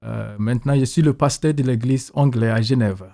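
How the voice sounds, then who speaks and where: Pasteur à l'ghanéen, voix douce. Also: male voice, mid-range voice, normal speed, vocal fry, dark tone. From Ghana. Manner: simple, careful phrasing. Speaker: pastor.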